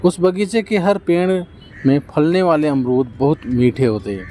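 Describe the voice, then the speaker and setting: A man narrating a children's folk tale in a gentle, steady scripted storytelling manner. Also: fairly high pitch, measured pace, a little hiss or hum.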